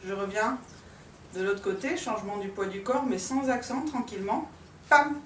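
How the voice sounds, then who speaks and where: A woman dance teacher giving a calm step-by-step lesson, demonstrating moves and marking accents with short sounds like "pam". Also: medium pitch, normal speed, slight background noise. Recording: echoey room from far off.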